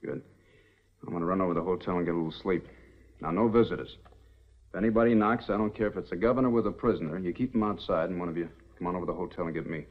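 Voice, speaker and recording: An actor playing a steady, level-headed frontier marshal who speaks in a measured, firm way, in a 1950s TV western. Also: male voice, low-pitched. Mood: calm. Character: calm, steady frontier marshal, grown man. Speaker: town marshal. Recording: dull lo-fi old TV sound.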